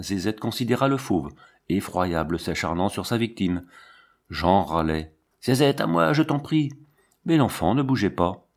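Low-voiced man narrating an audiobook. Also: a little mellow. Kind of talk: scripted narration.

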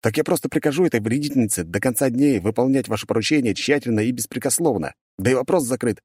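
Man voicing a cocky young man, indignant, higher-pitched, animated. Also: fast, husky, no room sound, clean studio sound. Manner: outraged, then breezy.

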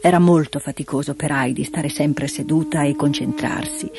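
A woman narrating a children's storybook in an expressive, gently paced storytelling manner. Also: deep voice, normal speed. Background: background music.

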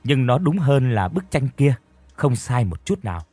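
Husky man narrating a dark story. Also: mid-range voice, very animated, moderate pace, no room sound, faint music behind. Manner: dramatic storytelling. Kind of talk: scripted horror story narration.

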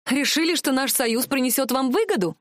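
Brief: woman reader as a proud heiress, prickly and sarcastic, set a bit higher, dry sound. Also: expressive, a little fast, dry recording. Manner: sarcastic, indignant. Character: proud, fiery young royal heiress. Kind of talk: audiobook character voice.

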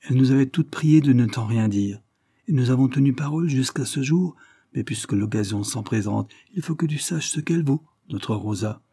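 A man's voice: medium pitch, moderate pace, warm tone, breathy edge. A man reading the part of a firm, commanding middle-aged aunt in a storybook reading.

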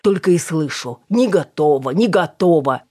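A woman's voice: low-pitched, expressive, unhurried, a little mellow, slightly rough, no echo, studio quality, full character voice. A woman voicing a pleading, whining balding middle-aged man in an audiobook. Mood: aggrieved. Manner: whining, begging.

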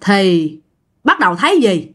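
A woman's voice: mid-range voice, sing-song, unhurried, fairly bright tone, breathy edge. A woman with a Southern Vietnamese accent casually telling a ghost story, chatting directly to her listeners.

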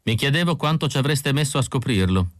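Man reading a brusque, sharp female android. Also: mid-range voice, animated, brisk, no room sound, studio quality, pitched above the performer's own voice, natural voice. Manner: brusque, cutting.

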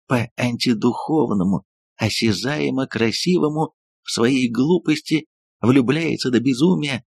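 A man's voice: mid-range voice, vocal fry, slightly rough, dry recording, clean studio sound. A man reading an audiobook, voicing a passionate, theatrical woman novelist who gushes breathlessly to her lover. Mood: exalted.

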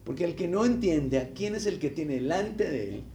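A man's voice: fairly high pitch, lively intonation, moderate pace, warm tone, a little hiss or hum. A male pastor preaching a sermon, asking the congregation rhetorical questions and acting out quoted prayers. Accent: Latin American Spanish.

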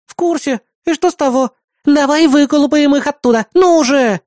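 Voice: sits high, moderate pace, darkish tone, no echo, studio quality, voice pushed up, lightly acted. A reader voicing a brash, childish young woman who whines, pleads and bosses people around, in an audiobook. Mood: wheedling. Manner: whiny, pleading, bossy.

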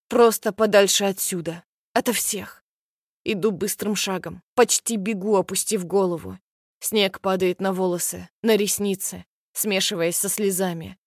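A woman reads a first-person story aloud, tense and breathless in the telling. Her voice sits at a middle pitch and the recording is dry and close, with no room around it. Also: no echo. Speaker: audiobook narrator. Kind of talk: first-person scripted narration.

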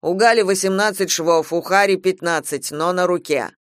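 A woman's voice: lowish voice, normal speed, no echo, studio quality, lightly acted. A woman reading an audiobook voices a wounded older man who explains himself defensively. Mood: matter-of-fact. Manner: defensive, indignant grumbling. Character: wounded older man, grumpy, hurt joker.

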